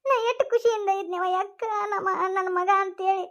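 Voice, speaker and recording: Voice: fairly even intonation, normal speed, fairly bright tone, muffled recording. A voice actor playing a grieving village mother with a North Karnataka accent, crying and pleading. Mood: distraught. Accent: North Karnataka Kannada. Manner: high-pitched, sobbing and pleading. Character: grieving middle-aged village mother, distraught.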